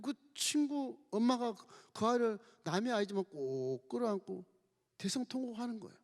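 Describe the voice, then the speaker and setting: A man's voice: very high voice, moderate pace, in a large hall. A man preaching a sermon as a pastor, telling stories and acting out the quoted voices of the people in them. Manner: storytelling with lively acted quotes. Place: church sanctuary.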